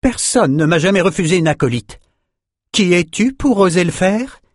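A man's voice: mid-range voice, big pitch swings, normal speed, darkish tone, dry recording, clean studio sound. A man voicing an imperious, possessive woman who heads a circle of scholars, speaking with condescending sweetness. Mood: indignant.

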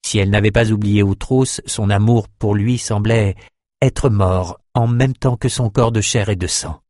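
A man narrating a fantasy novel in a steady, measured audiobook reading. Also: lowish voice, no echo, studio quality.

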